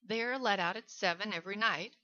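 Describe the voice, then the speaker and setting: A woman's voice: medium pitch, fairly quick, bright, forceful tone, muffled recording, natural voice. A woman voicing a suave, menacing aristocratic male general with mocking courtesy.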